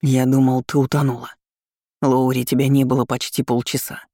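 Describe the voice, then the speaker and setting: A woman voicing an intense, protective young man in an audiobook, speaking lower and slower than her narration. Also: completely flat delivery, warm tone, no room sound, clean studio sound, close to an everyday voice. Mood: shaken.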